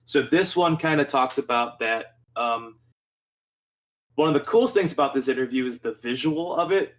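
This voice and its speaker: Young male podcast co-host, mid-pitched, excitable, profane, rambling casual chat. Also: moderate pace. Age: young adult. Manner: excitable, swears freely, rambling with many fillers.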